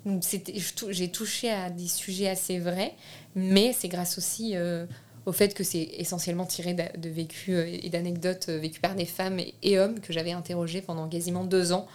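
A young French woman, a filmmaker appearing as an interview guest, talks casually with many hesitations and restarts. Her voice is lowish and darkish in tone, with fairly even intonation and a moderate pace.

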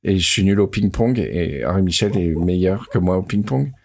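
A man doing an impression of his co-host, lowering his voice into a gruff, rambling grumble. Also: expressive, moderate pace, a little mellow, exaggerated voice. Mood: grumpy.

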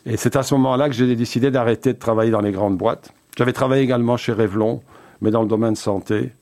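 A company founder in his seventies, born in Belgium, speaks fast in a steady, darkish medium-pitched voice during a relaxed interview about his career. His answers come with many hesitations and restarts.

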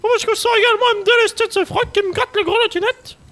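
A squeaky stammering auditioner. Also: male voice, fairly even intonation, racing, sharp tone, exaggerated voice. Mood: pompous. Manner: stammering, giggly. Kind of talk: comedy sketch acting.

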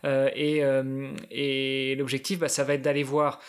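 A man's voice: medium pitch, completely flat delivery, measured pace. A man in a casual podcast conversation, explaining things as he thinks aloud. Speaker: guest, endurance athlete preparing a challenge. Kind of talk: casual podcast interview talk.

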